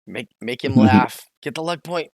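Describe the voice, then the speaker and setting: A man's voice: medium pitch, lively intonation, normal speed, darkish tone, dry recording. A man with a mid-range voice chats as a player in a tabletop game. He is playful and likes to tease the other players. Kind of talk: casual tabletop game chat.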